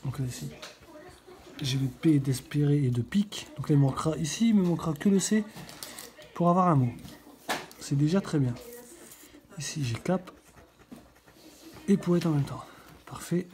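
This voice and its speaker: Scratching cards on video, this middle-aged host chats casually and thinks aloud over each letter. Her voice is low and dark in tone, with lively intonation, normal speed and frequent pauses.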